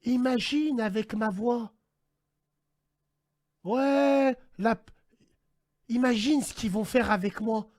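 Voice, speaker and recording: A man hosting a casual call-in stream, animated and slangy, swinging between hushed dread and loud outbursts. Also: very high voice, slow, pauses often. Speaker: host. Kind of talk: casual livestream radio chat.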